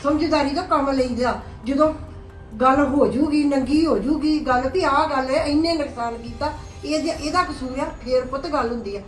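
A woman plays a middle-aged Punjabi mother who keeps talking her son down with gentle advice. Her voice is fairly high and sits far from the mic. A roomy echo and faint music lie under it. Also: moderate pace, close to an everyday voice. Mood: coaxing. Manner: soothing, pleading advice. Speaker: mother of the husband. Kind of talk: family drama acting.

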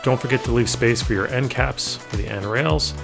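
A DIY builder in his thirties, with a mid-range, gravelly voice at a moderate pace, casually narrates how he builds something in his workshop. He's practical, using filler words and correcting himself, with music playing in the background.

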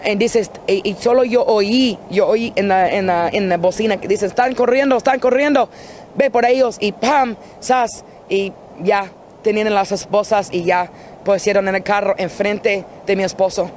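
A woman from the United States giving an eyewitness account in an interview, halting and repeating herself as she quotes others. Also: mid-range voice, fairly even intonation, darkish tone, slight background noise. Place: outdoors in an apartment parking lot.

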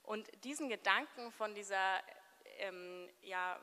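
A woman moderates a live café event, posing questions in a conversational, halting way. Her voice is bright and forward. A long room reverb trails after it. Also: mid-range voice, clean tone. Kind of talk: stage interview. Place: café event stage before an audience.

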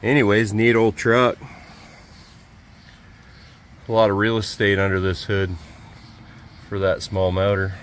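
Laid-back man with a lowish voice. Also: measured pace, long pauses, a little hiss or hum. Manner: relaxed, offhand, thinking aloud with dry jokes. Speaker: homesteader showing his truck. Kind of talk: casual walkaround vlog. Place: outdoors at a farmyard and inside a truck cab.

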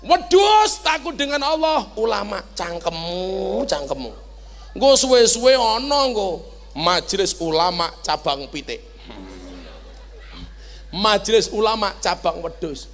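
Man, Javanese accent, high voice, animated sermon, joking asides, shouted exhortations. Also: big-room sound. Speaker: preacher. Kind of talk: religious sermon to a large gathering.

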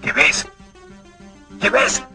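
An actor playing a domineering, obsessive middle-aged professor in a telenovela, insistently commanding like a hypnotist urging someone on in a trance. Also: male voice, drawn-out words, bright, forceful tone, faint music behind, heavily acted. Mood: urgent, probing. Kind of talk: intense telenovela acting.

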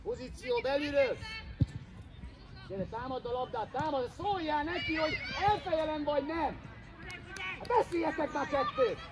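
Guy yelling orders at kids from the sideline, really high voice, crowd noise all around. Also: lively intonation, long pauses. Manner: urgent, commanding, repeats names and orders. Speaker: youth football coach. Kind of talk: shouting instructions from the sideline. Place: outdoor football pitch.

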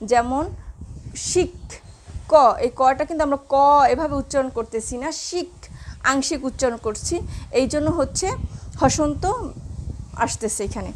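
Woman teacher, high voice, patient and repetitive, light background hiss. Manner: slow, repeats examples for students. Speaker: Bengali teacher. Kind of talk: classroom lesson on pronunciation.

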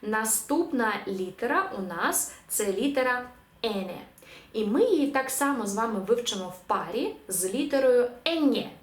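Lively woman teaching pronunciation. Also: fairly high pitch, echoey room. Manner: clear, drawn-out pronunciation of example words. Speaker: language teacher. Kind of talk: online language lesson.

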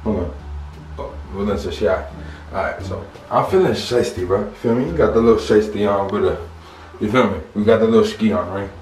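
A man's voice: on the low side, a little fast, a little mellow, distant mic. A young man chatting casually and slangily to a camera held at arm's length at home. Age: young adult. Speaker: prank vlogger. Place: small indoor room at home. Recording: echoey room, faint music behind.

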